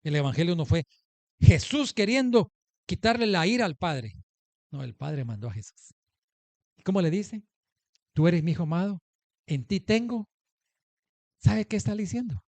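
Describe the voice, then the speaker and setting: A man's voice: sits high, sing-song, normal speed, long pauses, darkish tone, no room sound. A man preaching a sermon as pastor, emphatic, asking the congregation questions and answering them. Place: church in the United States.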